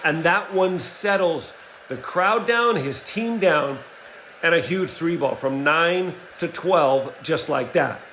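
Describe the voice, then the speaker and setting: Calling a basketball game play by play, a middle-aged commentator speaks slowly in a slightly high voice, growing more energetic and excited on big plays. He's recording a voice-over for a replayed game from a home setup, with a little hiss or hum.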